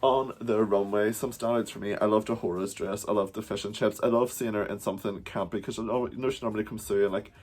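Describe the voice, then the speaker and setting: A chatty man with a lowish voice reviews an episode in a loose, rambling vlog. He talks from home in drag, swearing casually and dropping in "wee" often. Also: fairly even intonation, fast, few pauses, darkish tone. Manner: uses the word wee. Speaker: drag performer reviewing a TV show.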